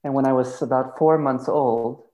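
Soft-spoken man telling his faith story. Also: mid-range voice, fairly even intonation, moderate pace, low-quality recording. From United States. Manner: thoughtful, hesitant with many fillers. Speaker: podcast guest. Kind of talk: casual testimony interview.

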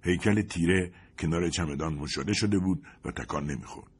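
A man reading a war novel aloud as a narrator, in a scripted, expressive storytelling delivery. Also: low voice, breathy edge. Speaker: audiobook narrator.

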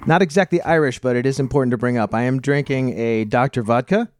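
American male podcast host, mid-pitched, chatty, laughs a lot, dry close sound. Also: fast talker, dry recording. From United States. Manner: chatty, laughs often, restarts sentences. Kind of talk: casual movie-review chat.

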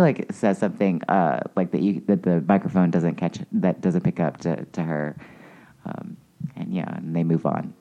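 Low, dark-voiced rambling man. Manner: rambling, hesitant storytelling with many restarts. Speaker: podcast co-host. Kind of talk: casual chat.

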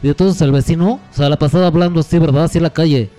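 Mexican co-host, young adult man, jokey storyteller with a higher voice over faint music. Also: fairly even intonation, quick pace, mellow. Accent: Mexican Spanish. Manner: joking, does voices of people. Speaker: podcast co-host. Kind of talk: casual comedic chat.

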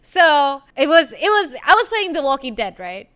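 Animated, bright-voiced young woman from Indonesia. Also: sits high, normal speed. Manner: animated, laughs often, swears casually. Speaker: podcast co-host. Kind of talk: casual podcast chat.

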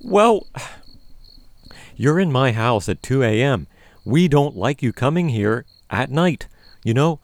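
A man's voice: medium pitch, expressive, slow, no echo. A man voicing a sleepy, put-upon husband woken in the night, complaining in an exasperated, whiny way in an amateur comedy audio drama. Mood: arguing.

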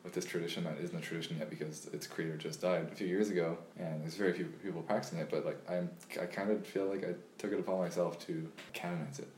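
Young male guest, deep and fast, roomy sound with faint ambience. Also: steady tone, a little mellow, slight background noise. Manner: quick, halting, with fillers. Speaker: podcast guest. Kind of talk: casual chat. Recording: echoey room with faint ambience.

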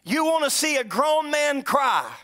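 High-voiced preacher with a North Louisiana twang. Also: male voice, a little slow. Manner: animated preaching with sudden shouts and drawled asides. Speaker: pastor. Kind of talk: sermon.

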